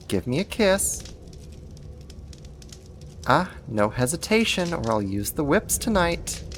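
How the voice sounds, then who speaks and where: Playing a sadistic, haughty half-spider monster in an ASMR horror roleplay, a voice actor talks slowly and condescendingly with theatrical flair, coaxing and commanding by turns. The pitch is medium, with slight background noise.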